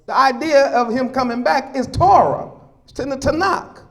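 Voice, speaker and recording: A man's voice: very high-pitched, moderate pace. A man preaching a sermon emphatically, calling on the congregation to talk back.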